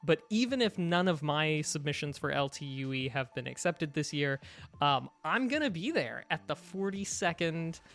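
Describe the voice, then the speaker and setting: A man co-hosting a podcast, chatting casually and haltingly with frequent asides. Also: a little high, lively intonation, fairly bright tone. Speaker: podcast co-host. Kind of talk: casual chat.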